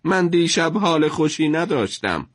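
Stern caliph, commanding ruler, high raised voice, a man puts him on for a storybook. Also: sing-song. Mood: rebuking.

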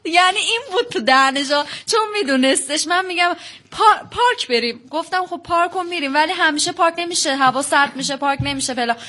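A young woman telling a counselor about her marriage in long, fast runs, acting out past exchanges. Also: sits high, sharp tone. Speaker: guest on a counseling show. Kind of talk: emotional personal account.

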